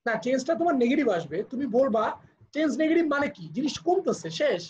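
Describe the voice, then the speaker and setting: A man's voice: very high-pitched, very animated, fast, a little mellow, slight background noise. Man, Bangladeshi accent, physics teacher, patient explainer, muffled video call audio. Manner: patient, explaining step by step, switching to English for terms. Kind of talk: live online lecture. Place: online live class.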